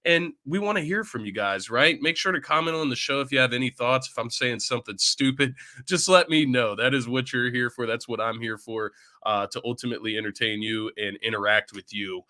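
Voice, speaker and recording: A man hosting a casual pregame sports talk show from home. He sounds congested and chatty, and he often tags his points with a quick question to the listener. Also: mid-range voice, pushed and bright, dry recording. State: congested from illness.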